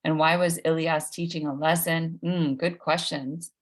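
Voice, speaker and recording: At a measured pace and in a low, level voice, a woman hosts a live online read-aloud for children, casually addressing listeners as she gives announcements.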